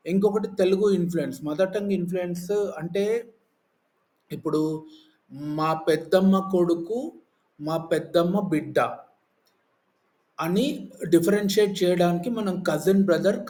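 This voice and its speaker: Male teacher, casual, slightly high voice, lists and everyday examples. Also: a little mellow. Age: adult. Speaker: English teacher. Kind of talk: casual Telugu lesson.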